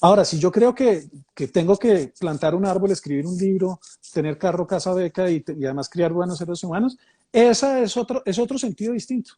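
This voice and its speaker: Leading a reflective conversation, a man born in Mexico and raised in Colombia explains ideas thoughtfully, often rephrasing and repeating himself. His voice is high, brisk, and mellow.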